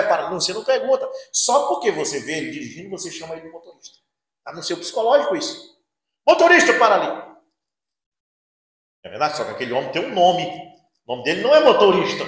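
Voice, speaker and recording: A male preacher delivers a dramatic sermon, acting out quoted lines. His voice sits high and leaps widely in pitch, jumping from loud cries to hushed asides. The church hall wraps every word in heavy echo.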